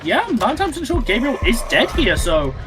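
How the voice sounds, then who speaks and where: A man giving live esports commentary on a match, animated and rambling, full of fillers and restarts. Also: very high-pitched, moderate pace, loud music behind the voice. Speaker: esports caster.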